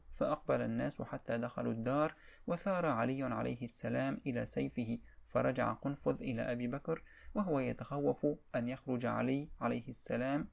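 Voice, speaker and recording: A man narrating a religious history text in a steady, measured read-aloud style. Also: mid-range voice, gravelly.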